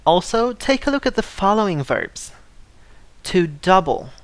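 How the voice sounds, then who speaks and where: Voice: medium pitch, very animated, measured pace, dry recording. An English teacher giving a vocabulary lesson, speaking carefully, repeating word lists and modelling pronunciation. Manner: stresses syllables to model pronunciation.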